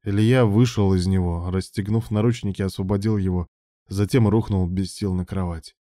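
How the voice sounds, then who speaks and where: A man narrating a story as an audiobook in a steady, even reading voice. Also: sits low, moderate pace, dry recording, clean studio sound.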